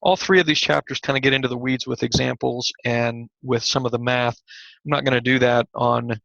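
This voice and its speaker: A man teaching a recorded online class, slightly hoarse and scratchy, talking in a conversational way with many fillers and restarts. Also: mid-range voice, fairly even intonation, brisk, fairly bright tone, no echo, muffled recording. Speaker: college instructor.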